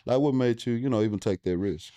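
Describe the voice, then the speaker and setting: A man's voice: mid-range voice, fast talker, warm tone, no room sound, studio quality. A man hosting a podcast interview, talking casually in loose, rambling, slangy sentences. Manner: rambling, loose slangy talk full of "you know". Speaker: podcast host.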